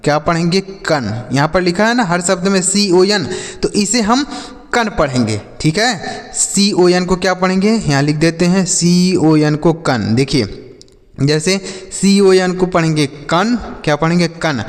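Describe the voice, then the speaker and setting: A man's voice: high-pitched, animated, measured pace, in a large hall. A man teaching English phonics in a classroom style, spelling words out letter by letter and asking repeated call-and-response questions.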